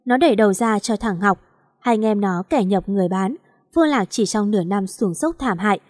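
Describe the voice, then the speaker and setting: Female audiobook narrator, steady storytelling read, dry studio sound. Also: mid-range voice, brisk, no echo.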